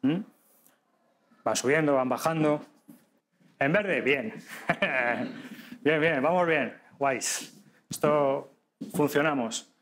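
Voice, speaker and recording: A man teaching a live podcasting workshop to an audience, lively and demonstrative, often checking in with quick questions. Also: on the high side, slight background noise. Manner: lively, demonstrative, addresses audience directly with frequent tag questions.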